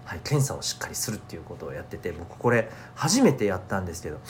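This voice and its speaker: Man with a stuffy nose, very lively pitch. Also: fast, a little hiss or hum. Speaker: host of an audio show for schoolchildren and parents. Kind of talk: chatty solo podcast talk.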